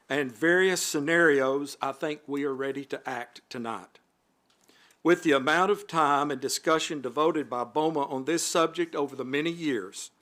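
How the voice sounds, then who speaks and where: A man's voice: fairly high pitch, a bit bright. Man reading formal council remarks. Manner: formal, reads prepared remarks with occasional asides. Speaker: city alderman. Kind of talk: prepared remarks at a city council meeting. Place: city council chamber.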